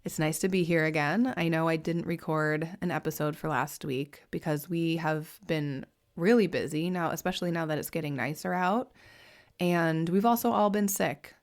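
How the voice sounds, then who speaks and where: A woman in her thirties hosting a podcast, talking gently and unhurried, slightly hoarse after a cold. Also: sits low. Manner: soft, unhurried, reassuring. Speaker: podcast host and mentor.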